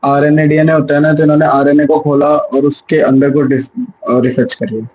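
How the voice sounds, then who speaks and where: A man's voice: on the high side, level tone, moderate pace, highs cut off, slight background noise. A young man giving a live revision lesson, chatty and self-correcting, mixing English words into his Hindi. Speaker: exam prep teacher.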